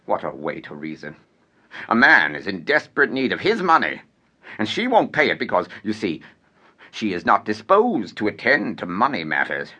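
A man's voice: on the low side, huge pitch swings, normal speed, sharp tone, full character voice. A man playing a blustering angry landowner. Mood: fuming. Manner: blustering, ranting, theatrical outbursts. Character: irate middle-aged male landowner creditor, blustering. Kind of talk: stage play acting.

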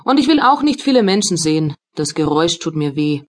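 A woman's voice: mid-range voice, sing-song, fast talker. A woman voicing a tired, distracted young man in an audiobook, speaking curtly and absently with a faintly plaintive tone. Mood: weary. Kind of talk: audiobook dialogue reading.

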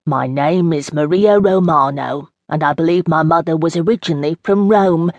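A woman's voice: sits low, a little mellow, no echo. A woman reading an audiobook as a chatty woman in her seventies with an East End London accent, homely and rambling. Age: 70s. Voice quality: homely, rambling, dialect grammar. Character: frail chatty old East End woman, long institutionalised. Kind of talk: audiobook narration in character.

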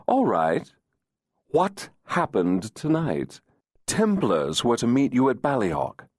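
A purring, mocking male fairy lord, voiced by a man reading an audiobook. He teases and taunts in a raised, lively voice that swoops with disdain. The sound is close and dry. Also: medium pitch, takes it slowly, slightly rough, dry recording, pitched above the performer's own voice, full character voice. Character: insolent, teasing male fairy nobleman. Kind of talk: audiobook character voice.

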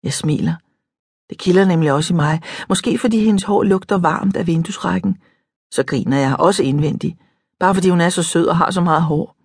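A woman narrating an audiobook in a calm, reflective first-person storytelling manner. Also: on the low side, husky, no room sound, clean studio sound. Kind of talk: scripted narration.

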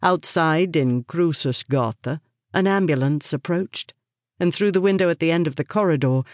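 A woman narrating a crime novel in a measured, descriptive reading. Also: low voice, darkish tone, no room sound, clean studio sound. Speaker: audiobook narrator. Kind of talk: scripted narration.

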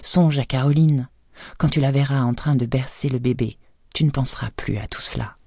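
An audiobook husband caught off guard, his lines coming as urgent, alarmed exclamations, read by a woman narrator. The tone stays mellow and dark. The sound is dry and close. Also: extremely low pitch, moderate pace, dry recording. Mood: self-persuading.

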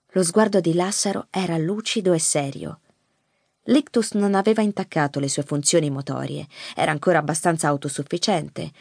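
A woman narrating an audiobook in an expressive, measured storytelling manner. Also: lowish voice, husky, no echo. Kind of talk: scripted narration. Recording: dry close studio mic.

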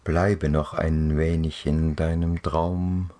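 In a soft, dreamy, soothing way, a man narrates a guided relaxation journey for children, his breathy, husky voice broken by gentle pauses. His pitch is extremely low and barely moves.

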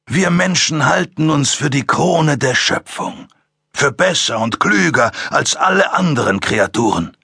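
A man voicing a calm, amused male serial killer who talks down to two cops in a mocking, drawn-out way. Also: medium pitch, vocal fry, breathy edge, no room sound, studio quality, voice pushed up, full character voice. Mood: taunting. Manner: mocking, taunting, drawn-out delivery.

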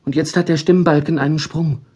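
A man voicing a small, gentle male harp angel who speaks in high, pleading tones. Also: fairly even intonation, a little fast, husky. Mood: meek.

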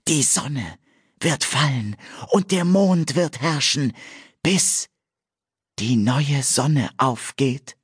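A male audiobook narrator voicing an ancient male nymph who chants a prophecy in a slow, high, drawn-out way. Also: expressive, husky, no echo, clean studio sound, heavily acted. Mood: prophetic. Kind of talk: audiobook character voice.

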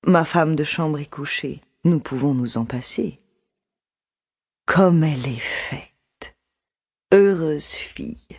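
Husky seductive countess, slow and possessive, audiobook drama. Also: female voice, low voice, a little mellow, heavily acted. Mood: admiring. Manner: coaxing, intimate, possessive. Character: ardent, seductive aristocratic countess, domineering. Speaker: audiobook voice actor.

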